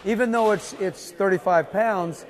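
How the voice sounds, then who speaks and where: A man's voice: high-pitched, unhurried. A man coaching a lifter live, giving insistent, repeated short commands. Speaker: weightlifting coach.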